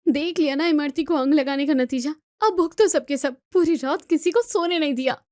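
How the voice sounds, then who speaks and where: Woman as a worried, scolding young bahu, high voice, dry sound. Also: normal speed, darkish tone, dry recording, lightly acted. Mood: exasperated. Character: exasperated young daughter-in-law.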